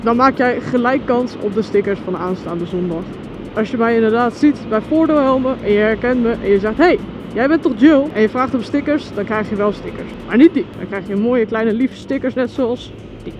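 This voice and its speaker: A woman motovlogging while riding through city traffic, chatty and excitable, talking to her viewers. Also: on the high side, moderate pace. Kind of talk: casual chat while riding. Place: outdoors in city traffic on a scooter. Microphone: helmet mic. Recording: dull lo-fi helmet audio with music. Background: music.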